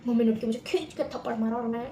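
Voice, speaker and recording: Young woman, vlogger, chatty storytelling, fast talker, echoey room. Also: fairly high pitch, very noisy. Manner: chatty, animated, addresses viewers as guys. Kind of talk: casual storytelling to camera.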